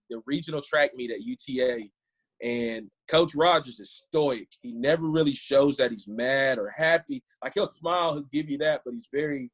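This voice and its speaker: Man, football coach, podcast guest, casual storytelling, easygoing, mid-range voice. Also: mid-range voice. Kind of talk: casual interview chat.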